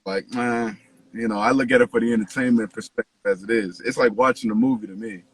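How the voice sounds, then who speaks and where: Husky-voiced man, casual slangy host. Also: medium pitch, fairly even intonation, fast, no echo, low-quality recording. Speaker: podcast host, interviewer. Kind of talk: casual chat, slangy and profane.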